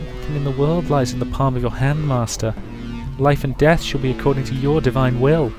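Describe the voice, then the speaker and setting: Game role: reverent servant girl, a soft-spoken book spirit, read by a man, music behind. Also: medium pitch, steady tone, fairly quick, voice pushed up, natural voice. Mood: reverent, tender.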